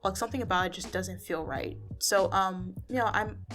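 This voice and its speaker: A woman's voice: mid-range voice, fairly even intonation, normal speed, fairly bright tone, soft background music. A tired woman vlogging in a rambling, casual way, her voice muffled because she is recording under a blanket. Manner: rambling, with many fillers and restarts. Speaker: YouTuber. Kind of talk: casual talking-head vlog.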